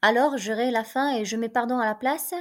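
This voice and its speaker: A self-important male prison guard talks bluntly and grumbles, as a woman reads his part aloud. There is no deep put-on voice, just a plain reading with a gruff edge. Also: fairly quick, close to an everyday voice. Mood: plodding.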